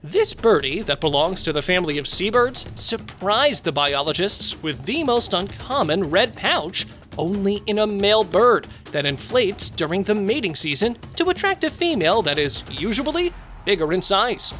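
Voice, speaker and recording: A man reading scripted nature documentary narration as a presenter, in measured phrases. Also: sits high, very animated, fairly bright tone. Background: music.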